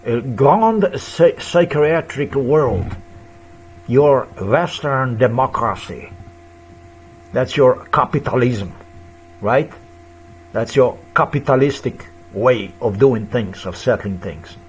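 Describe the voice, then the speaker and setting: Fifties man, slow ranting delivery, accusatory and repetitive, non-native phrasing, faint hum behind. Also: medium pitch, darkish tone. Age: 50s. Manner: broken non-native English grammar. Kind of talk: ranting monologue to camera.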